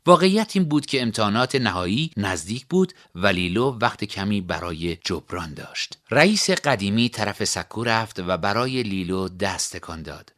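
A man reads a story aloud as its narrator. His pitch moves in a lively way, and his delivery is expressive. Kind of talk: storybook reading.

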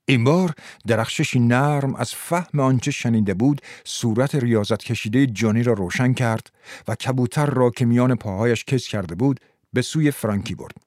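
A man's voice: mid-range voice, a little mellow, no room sound. Man narrating a story, dry close sound. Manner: measured, literary reading.

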